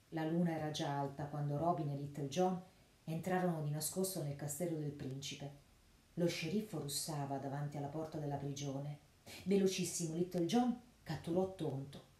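A woman, an actress, narrating a fairy tale in an expressive, lively storybook style. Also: sits low. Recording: roomy echo.

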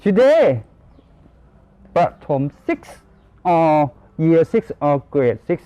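A man's voice: on the high side, wildly swooping pitch, extremely slow, mellow, smooth, no room sound. A man with a Thai accent teaching a bilingual classroom lesson, drawing out words and coaxing students to repeat them. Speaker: teacher running a cooking class. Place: school classroom.

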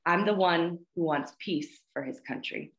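Her voice lowish and a little slow, a woman in her thirties hosts students' poetry readings on a video call with an encouraging, praising manner. The plain indoor room gives the sound a roomy quality.

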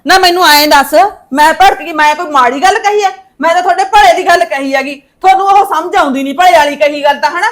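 A woman playing a sharp-tongued visiting mother who scolds and taunts her daughter's in-laws in a family drama. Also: extremely high pitch, fast, hardly any pauses. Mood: scolding.

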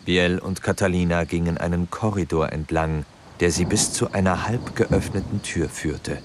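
A man reading a ghostly fairy tale to children in an animated, dramatic storytelling manner. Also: sits low, normal speed, noisy background. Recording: music playing clearly behind.

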